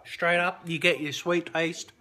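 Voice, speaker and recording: A man's voice: a little high, little pitch movement, unhurried, sharp tone. A man in his twenties hosting a casual hot sauce review vlog, chatty, upbeat and unscripted. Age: 20s.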